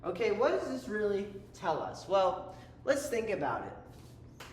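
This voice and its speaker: A man walks through a calculus problem in a loose, talkative lesson, his pitch bouncing up and down as he goes. He trips over himself and adds jokey asides. The recording sounds roomy, with a faint hum of background noise. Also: wildly swooping pitch, a little slow. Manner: chatty, self-interrupting, playful asides. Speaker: math tutor. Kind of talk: casual whiteboard lesson.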